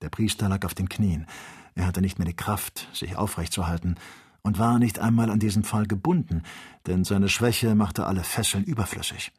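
A man reading an adventure novel aloud as an audiobook, with measured, expressive storytelling. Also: sits low, slightly rough. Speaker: audiobook reader. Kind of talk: scripted audiobook narration.

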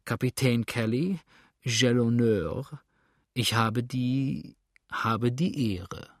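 A man voicing a drunken, boastful young dandy who slurs his words slowly and swoops up high, tossing in French phrases. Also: big pitch swings, dry recording, studio quality. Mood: drunken mocking. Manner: slow slurred speech with wild high swoops, sprinkles French. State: drunk, slurring. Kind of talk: audiobook character voice.

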